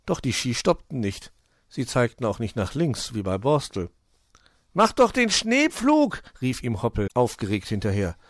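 A man reading a children's story aloud in an expressive, lively manner. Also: lowish voice, normal speed, dry recording, clean studio sound. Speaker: narrator.

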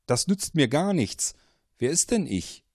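A man's voice: mid-range voice, expressive, moderate pace, no echo, clean studio sound, voice pushed up, lightly acted. A man voicing a confused male character who answers a strange call and pushes back with defensive questions. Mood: bewildered.

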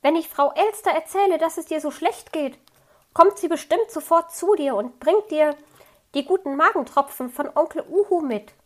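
A woman's voice: high voice, normal speed, voice pushed up, natural voice. A woman voicing a small, innocent fox cub in a storybook reading, eager and chirpy.

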